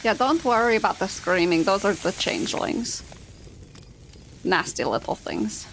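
A woman's voice: medium pitch, animated, unhurried, fairly bright tone, a little hiss or hum, poor audio. A woman chatting casually and informally in character as a player in a tabletop game, often repeating words.

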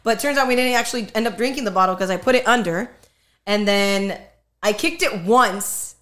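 A woman's voice: mid-range voice, normal speed, fairly bright tone. Slangy young woman. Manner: slangy, profane, switches between English and Spanish. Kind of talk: casual chat, storytelling among friends.

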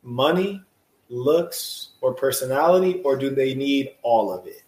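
A man hosting a loose chat show, slangy and playful, often breaking into laughter. His voice sits at an ordinary middle pitch, and the room around him rings with echo. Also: expressive, unhurried, a little mellow, slight background noise. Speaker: podcast host. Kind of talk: casual chat. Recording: echoey room.

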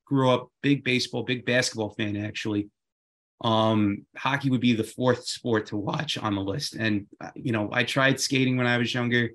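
A man's voice: mid-range voice, fairly even intonation, normal speed, fairly bright tone. A man chatting casually and enthusiastically, often repeating phrases for emphasis. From Queens, New York. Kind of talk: casual chat.

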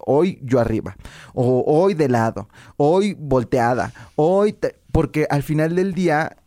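A woman with a Mexican Spanish accent, a podcast guest telling candid stories in a lively way, laughing often and acting out her own past words. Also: low-pitched, slow pace, no echo, clean studio sound. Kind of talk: frank candid storytelling.

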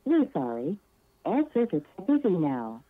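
A woman's voice: low voice, huge pitch swings, normal speed. A woman reading a polite scripted announcement, heard as a recorded payphone line message. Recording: tinny old phone line recording.

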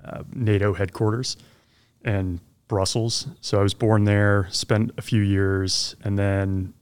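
Low-voiced man telling his life story. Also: level tone, slow pace, clear, resonant tone. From grew up abroad (Belgium, Zimbabwe, Pakistan), then Florida. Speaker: podcast guest, former Army helicopter pilot. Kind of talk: casual interview storytelling.

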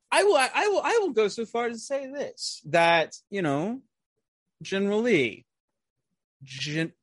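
A man's voice: mid-range voice, dry recording, studio quality. A man who was raised partly in America and partly overseas, talking as a guest in a casual interview. He rambles, restarts his sentences often and swears freely.

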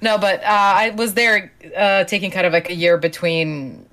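A woman's voice: mid-range voice, steady tone, normal speed, a bit bright. A woman from Slovenia, a native Slovenian speaker, chatting as a podcast guest in a self-deprecating way over a video call. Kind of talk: casual chat.

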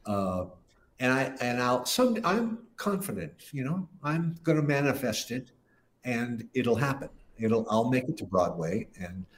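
In this echoey, roomy recording, an older guest musician spins long, meandering interview stories and keeps restarting sentences. He speaks a little slowly in a mid-range voice with big swings in pitch.

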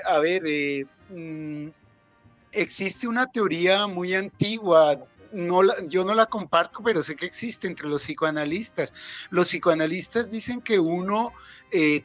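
A middle-aged Colombian man, appearing as a guest author at a book presentation, talks about literature in a rambling way full of hesitations. His voice sits high and a little bright, and the recording is dry.

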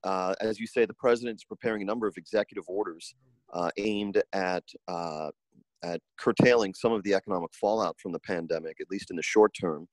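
A man from New York, a political reporter, answering in a measured, wordy and dryly wry way. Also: low-pitched, no room sound. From New York, USA. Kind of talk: interview answers.

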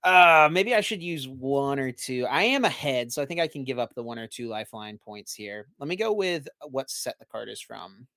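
A man co-hosting a casual podcast chat about card games, animated and quick to laugh, his voice jumping from loud to low. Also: no room sound, studio quality. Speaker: podcast co-host.

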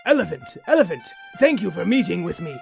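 A woman's voice: on the low side, very animated, a little fast, gravelly, a little mellow, heavily acted. A showy lion king of the jungle played by a woman, hurrying a guest in with eager, grand welcomes. Faint music sits behind the storybook voice. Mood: welcoming.

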